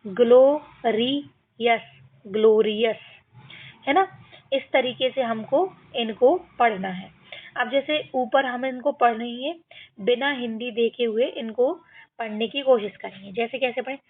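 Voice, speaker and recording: A woman teaching English pronunciation with an Indian accent, sounding out words syllable by syllable and repeating each one slowly. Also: a little high. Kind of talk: slow teaching lesson. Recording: dull lo-fi phone-like sound.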